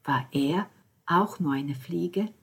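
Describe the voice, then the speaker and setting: A woman narrating an audiobook in a calm, measured way, often dropping to near whispers. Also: fairly low pitch, vocal fry, husky.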